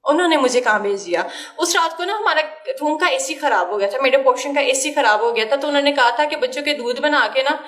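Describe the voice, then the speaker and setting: A woman, her voice sitting high. She recounts events to an interviewer in a halting way, repeating herself and restarting often. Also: expressive, fairly bright tone.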